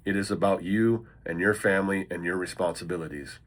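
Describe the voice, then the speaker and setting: A man's voice: sits low, steady tone, a little fast. A man talking to camera in an earnest, encouraging way, giving a casual motivational talk to other men. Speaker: motivational vlogger.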